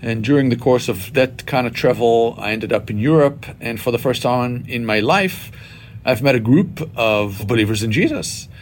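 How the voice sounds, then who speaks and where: A man in his fifties from Israel speaks as an interview guest, recounting his story in a measured, reflective way. He pauses often and fills gaps with small hesitations. A faint low rumble sits behind his voice. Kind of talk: personal testimony interview.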